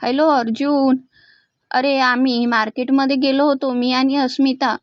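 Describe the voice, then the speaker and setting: A woman's voice: high-pitched, level tone, normal speed, no echo, dull audio, lightly acted. A woman reading a worried older mother.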